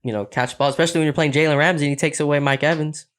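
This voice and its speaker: A man's voice: on the high side, steady tone, rapid-fire, a bit bright. A man co-hosting a sports podcast in casual chat, emphatic and opinionated, laying out blunt takes. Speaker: podcast co-host.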